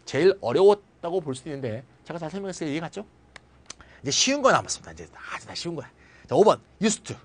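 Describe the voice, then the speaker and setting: A man's voice: a little high, fast. A middle-aged man giving a recorded grammar lecture who checks with his students and acts out short everyday lines. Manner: lively, switches between formal and casual speech, often asks students to confirm.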